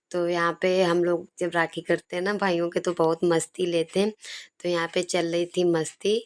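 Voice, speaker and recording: A woman's voice: lowish voice, darkish tone. A young woman casually narrating her family video in a chatty, fond way, laughing now and then. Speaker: vlogger.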